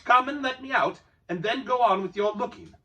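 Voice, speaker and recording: A man's voice: very high voice, expressive, unhurried, pushed and bright, distant mic, voice pushed up, heavily acted. Storybook hobbit read by a man: raised, insistent, calling out. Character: indignant young male hobbit, insistent. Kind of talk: audiobook reading.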